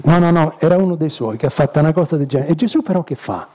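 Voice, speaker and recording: A man's voice: a little high, lively intonation, quick pace, warm tone. A man teaching an informal Bible study, chatty and jokey, tossing in rhetorical "eh?" asides.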